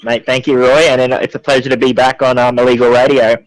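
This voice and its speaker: A man's voice: medium pitch, level tone, brisk. An Australian man with a Queensland accent, speaking casually as a musician being interviewed. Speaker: band musician interview guest. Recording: phone call on radio show.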